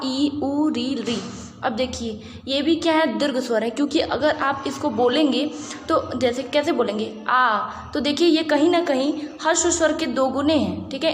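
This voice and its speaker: A high-pitched woman gives an online lesson, patient and methodical, often asking questions and answering them herself. The room is roomy and echoey with a long reverb tail, and a faint hiss sits under her voice. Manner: patient, repeats "ठीक है" and asks rhetorical questions. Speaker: Sanskrit teacher. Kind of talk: online lecture explaining grammar.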